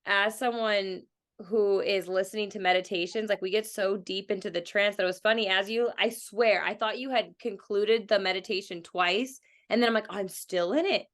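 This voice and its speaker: A woman's voice: medium pitch, steady tone, normal speed, fairly bright tone. A woman sharing her experience of a meditation with a group on a video call, chatty and enthusiastic. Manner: chatty, heavy use of "like", enthusiastic.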